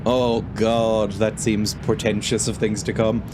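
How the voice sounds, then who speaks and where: A man's voice: lowish voice, little pitch movement, unhurried, noisy background. A young man giving wry, sweary commentary while playing a game, reading its text aloud and laughing often. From Ireland. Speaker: let's-play host.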